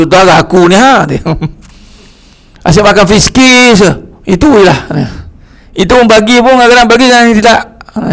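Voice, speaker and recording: Guy preaching, joking around, acting out little scenes, gravelly voice. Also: on the high side. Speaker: religious teacher. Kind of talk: sermon.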